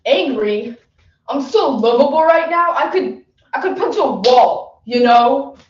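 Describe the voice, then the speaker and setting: Brief: hotheaded young man, played by a woman, shouty and brash, dull roomy sound. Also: high-pitched, expressive, unhurried, slight background noise. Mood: brash loud. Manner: brash, shouty tough-guy talk. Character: loud hotheaded young male actor. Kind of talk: competitive humorous interpretation. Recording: echoey room, distant mic, dull sound.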